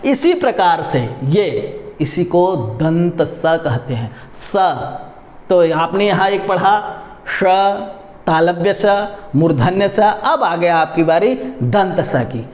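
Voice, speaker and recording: A man's voice: high-pitched, lively intonation, takes it slowly, a little mellow, echoey room. A male teacher giving a patient pronunciation lesson, repeating syllables and asking questions to his young viewers. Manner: addresses viewers as "my dear children".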